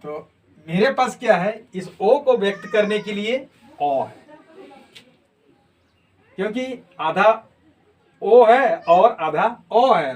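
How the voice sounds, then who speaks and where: Slow high-voiced man teaching script. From Jharkhand, India. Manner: slow, repeats sounds to demonstrate them. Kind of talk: explanatory lesson. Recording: voice from a distance.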